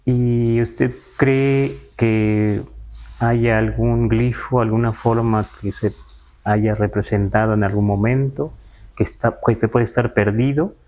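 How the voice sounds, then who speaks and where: A man interviewing a guest and asking his questions in measured, deliberate phrases. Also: mid-range voice, fairly even intonation, a little mellow. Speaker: interviewer and language teacher.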